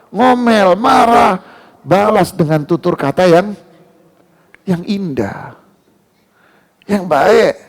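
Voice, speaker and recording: A man preaching a sermon in a mosque, animated, climbing loud on key words and slowing down to recite verses. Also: a little high.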